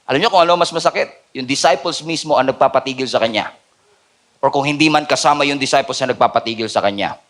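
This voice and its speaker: A man with a Filipino accent preaching a sermon at a church night service, mixing Tagalog and English and swinging between hushed and loud. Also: medium pitch, fast.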